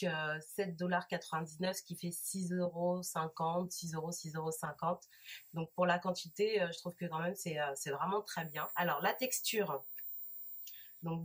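A woman vlogger talking casually about hair products she bought, pausing often with fillers and restarts. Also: lowish voice. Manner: hesitant, many fillers and restarts. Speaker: beauty vlogger. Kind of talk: casual product haul review.

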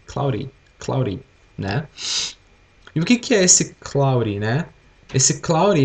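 This young Brazilian man's voice is mellow and medium in pitch, carrying a Brazilian Portuguese accent. Leading an English class over a live stream, he patiently walks through vocabulary and asks everyone to say each word back to him.

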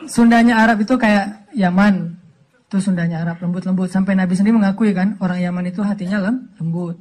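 A man's voice: high voice, a little fast. A man from Aceh preaching a humorous sermon, telling stories and acting out the voices he quotes. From Aceh, Indonesia. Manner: animated, joking, acts out quoted voices. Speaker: Islamic preacher.

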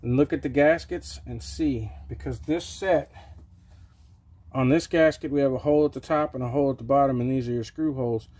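Man, middle-aged, mellow voice, plain practical how-to talk, home workshop, close camera mic. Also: medium pitch, brisk. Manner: plain, practical step-by-step explaining with frequent "okay"s. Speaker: small-engine repair host. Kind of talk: casual how-to narration while working. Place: home workshop bench, open to the outdoors.

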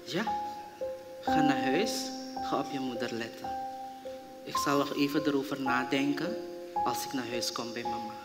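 A man playing a defensive young adult estranged from his mother, quick to bristle, in a live stage drama. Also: mid-range voice, fairly even intonation, natural voice. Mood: firm. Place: theatre stage. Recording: reverberant theatre hall with loud music.

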